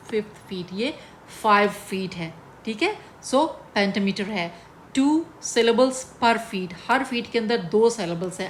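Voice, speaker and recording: A woman's voice: a little high, slight background noise. Woman teacher explaining poetry patiently. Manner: explains slowly, mixing Hindi-Urdu with English terms, addresses students as beta. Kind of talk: classroom lecture.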